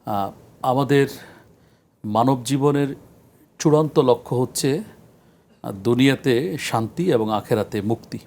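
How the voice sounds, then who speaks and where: A man, a scholar guest on a religious talk show, speaking in an earnest, measured lecturing way with frequent pauses. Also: medium pitch, a little mellow. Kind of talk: studio discussion on a religious show.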